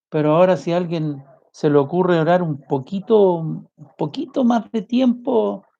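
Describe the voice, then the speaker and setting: A man preaching a sermon with passion, firing off rhetorical questions and swinging his voice high and low. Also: gravelly. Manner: impassioned, rhetorical questions, big swings in pitch and loudness. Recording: muffled lo-fi recording.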